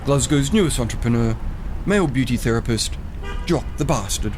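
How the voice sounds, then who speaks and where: A man's voice: mid-range voice, animated, brisk, background noise, lightly acted. A man playing a mock documentary reporter in a comedy sketch, with earnest, announcer-like scripted narration.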